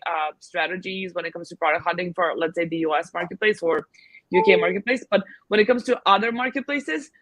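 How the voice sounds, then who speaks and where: On a video call Q&A, a woman appears as a guest expert on selling abroad, giving casual advice in a chatty way full of fillers and restarts. Her medium-pitched voice has a fairly bright tone, and the audio is poor though free of echo.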